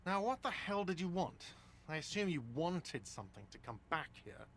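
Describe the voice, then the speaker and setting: An actor playing a curt, sarcastic hostel manager in a video game. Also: male voice, fairly high pitch, big pitch swings, moderate pace, a little hiss or hum. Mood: grumpy. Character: grumpy, sarcastic middle-aged male hostel manager.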